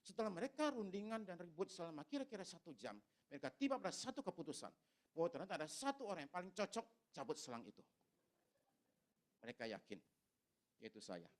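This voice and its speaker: Animated man preaching a story. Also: high voice, fast. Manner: animated, addresses the congregation directly. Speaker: pastor. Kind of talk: storytelling sermon.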